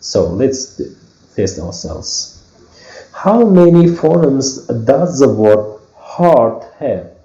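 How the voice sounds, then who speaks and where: A man with an Uzbek accent teaching an English phonology lesson, slowly explaining with many fillers and restarts. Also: mid-range voice, sing-song, warm tone. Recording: echoey room, dull lo-fi sound.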